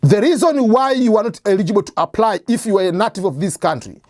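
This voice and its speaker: In clean, echo-free studio sound, a high, expressive male voice with a darkish tone moves at a quick pace. He hosts an immigration advice show, walking through explanations to camera step by step and conversationally answering his own questions.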